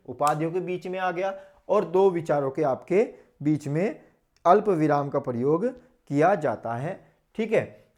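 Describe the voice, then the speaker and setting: Higher-voiced Hindi grammar teacher. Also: male voice, darkish tone. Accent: Hindi-speaking North India. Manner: repeats key words, asks students if it is clear. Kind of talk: exam-prep grammar lesson.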